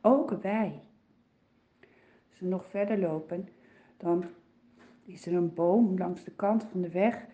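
A woman telling a Bible story for children in a slow, expressive way, on a dull lo-fi recording. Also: lowish voice. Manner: slow, expressive, swooping delivery.

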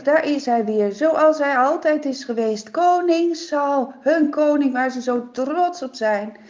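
Slow, expressive woman telling a Bible story. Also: a little high, lo-fi sound. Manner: expressive, dramatic pauses, frequent hushed passages. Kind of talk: children's Bible story narration.

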